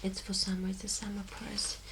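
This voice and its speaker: A woman speaking in a soft, breathy, often soft-spoken voice, doing an ASMR role-play as a personal shop assistant with gentle, hesitant phrasing. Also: medium pitch, level tone, a little fast. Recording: clear background noise.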